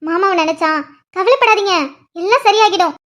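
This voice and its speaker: A woman's voice: very high voice, lively intonation, brisk, a bit bright. A woman voicing a cheerful, chatty young niece in a cartoon drama, reassuring and laughing.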